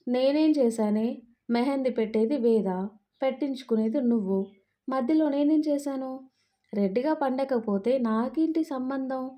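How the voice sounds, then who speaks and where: A man's voice: extremely high pitch, moderate pace, dark tone. A woman voicing a whiny put-upon young man. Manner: pleading, aggrieved.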